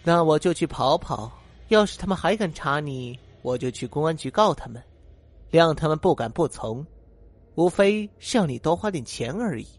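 Sly scheming young woman, man putting her on, mocking and coaxing, higher husky voice. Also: lively intonation, moderate pace. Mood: coy, scheming.

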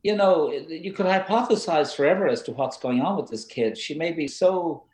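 An older man with an Irish accent giving advice in a thoughtful, halting, conversational way. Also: fairly high pitch, darkish tone. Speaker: child psychology expert giving advice. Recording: roomy, echoing sound.

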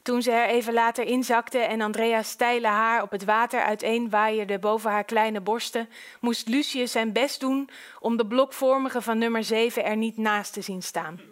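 Woman with a fairly high voice, calm, measured audiobook narrator.

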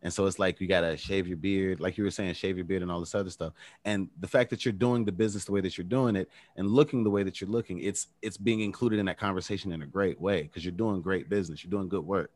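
A man's voice: deep voice, steady tone, fast, few pauses, a little mellow, no room sound. A man hosting a podcast, chatting casually and giving his guest encouraging feedback. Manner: encouraging, affirming responses. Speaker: podcast host. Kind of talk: casual interview chat.

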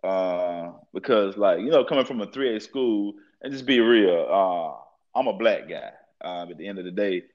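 A young man who coaches football talks through the interview in a very deep, easygoing voice and keeps circling back to the same stock phrases. The sound is a little dull, like a lo-fi recording. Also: moderate pace. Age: young adult. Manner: relaxed, repeats fillers like "at the end of the day". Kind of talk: casual interview.

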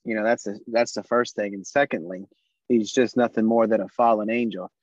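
Excitable, laughing podcast host, dry sound. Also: male voice, lowish voice, fairly quick, dry recording, lo-fi sound. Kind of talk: casual faith podcast chat.

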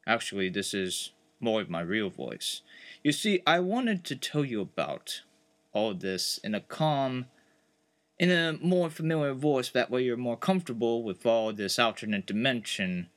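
A man voicing an eccentric male time-travel scientist who patiently lays out rules in a calm, explaining manner. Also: mid-range voice, unhurried, pitched below the performer's own voice. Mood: calm, lecturing. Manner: calm, explanatory, earnest rule-giving.

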